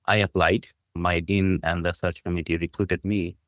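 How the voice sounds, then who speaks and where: A middle-aged Bangladeshi dean of a business school, speaking with a Bangladeshi accent, is interviewed on a podcast. His low-pitched, slightly bright voice stays level at normal speed as he earnestly and appreciatively shares his story conversationally, often saying "like, you know." The studio-quality recording has no room sound.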